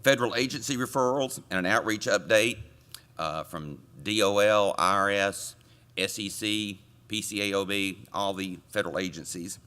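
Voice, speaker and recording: Guy reading out a committee report at a conference, bright tense voice, lowish pitch, cracks jokes at the crowd. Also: moderate pace, clean tone. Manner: relaxed, with joking asides to the audience. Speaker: committee chair giving a report. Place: conference meeting room.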